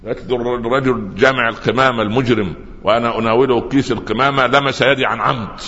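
A man's voice: mid-range voice, steady tone, fast talker, a bit bright. A male preacher with an Egyptian accent giving a sermon, moving between colloquial storytelling and formal recitation. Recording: dull, hall reverb.

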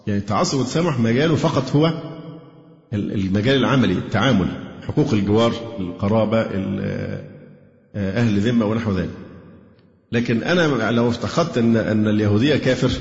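A man's voice: fairly low pitch, quick pace. A man with an Egyptian accent giving a religious lecture, asking rhetorical questions and then answering them. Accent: Egyptian Arabic. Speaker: Islamic lecturer. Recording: echoey hall, dull lo-fi sound.

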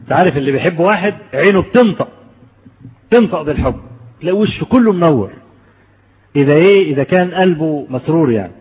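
A man's voice: a little high, animated, quick pace, pauses often, husky, narrow, tinny audio. Man, Egyptian Arabic accent, preacher, storytelling sermon, rhetorical questions, long hall reverb. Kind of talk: conversational sermon.

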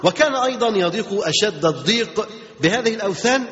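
An Egyptian-accented man teaches religion at a quick clip in a fairly high voice. He keeps asking his listeners questions and repeating phrases for emphasis. The recording is dull and lo-fi, with a long hall reverb. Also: animated, a bit bright. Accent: Egyptian Arabic. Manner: asks the audience rhetorical questions and repeats key phrases. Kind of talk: Islamic religious lesson.

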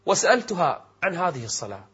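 A man preaching in formal standard Arabic as a programme presenter, with an emphatic, rhetorical delivery and a husky voice. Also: a little high, big pitch swings, quick pace, a bit bright. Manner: formal classical Arabic diction. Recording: dull, muffled lo-fi audio.

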